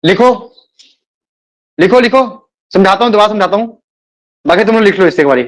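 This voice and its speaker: A man with a rather high voice teaches a math class. He talks quickly by his own account, repeats key words and keeps addressing the students kindly. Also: lively intonation. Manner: admits speaking fast. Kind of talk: live online class lecture.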